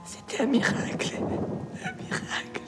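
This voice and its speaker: An actress playing a shaken young wife and mother who speaks in halting, breathy phrases. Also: music in the background, natural voice. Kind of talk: period TV drama acting.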